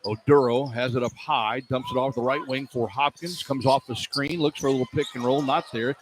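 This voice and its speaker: A man does radio play-by-play for a live basketball game in an indoor arena, narrating the action in short, clipped running phrases. His voice is mid-range, steady in tone, and brisk. The live broadcast carries background noise.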